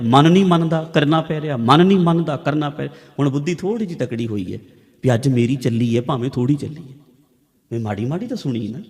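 Punjabi preacher in a reverberant hall. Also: male voice, on the high side. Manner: conversational, repetitive teaching with everyday examples. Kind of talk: religious discourse. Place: large hall with a congregation.

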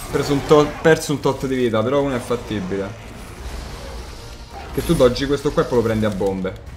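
A man giving casual, excitable gameplay commentary, swearing and talking to his viewers. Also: medium pitch, brisk. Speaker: video game player commentating. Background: game music.

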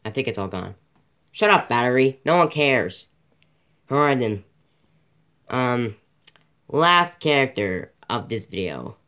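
Casual host, male, from Canada, rambling self-interrupting commentary, voice worn and hoarse, home mic. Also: mid-range voice, big pitch swings, pushed and bright. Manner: rambling, self-interrupting, reads aloud in quick bursts. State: losing his voice. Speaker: channel host. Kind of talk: casual commentary reading a wiki.

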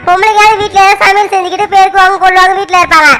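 Casting: woman playing a bossy elder sister in a village cartoon, very high and bright voice, lecturing tone. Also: little pitch movement, rapid-fire, slight background noise. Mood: scolding. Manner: scolding, lecturing. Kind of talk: cartoon voice acting.

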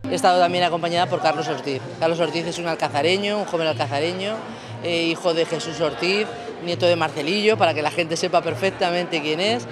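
A woman's voice: fairly low pitch, a little fast, over music. A woman in her fifties answering an interview at an awards event, fluent and explanatory. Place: event hall with stage backdrop.

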